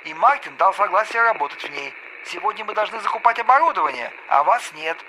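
A man voicing a furious male band manager shouting indignantly down the phone. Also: lively intonation, fast talker, noisy background. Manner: yelling, high-pitched, indignant.

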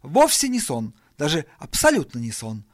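A man voicing a pompous, flustered young male impresario who makes loud, grand toasts. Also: on the high side, huge pitch swings, normal speed, dry recording, studio quality. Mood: grandiose.

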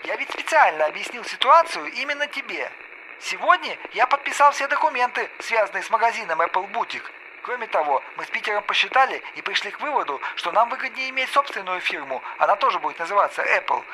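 A man voicing a furious male band manager shouting indignantly down the phone. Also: very animated, fast talker, a little hiss or hum, heavily acted, poor audio. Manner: yelling, high-pitched, indignant.

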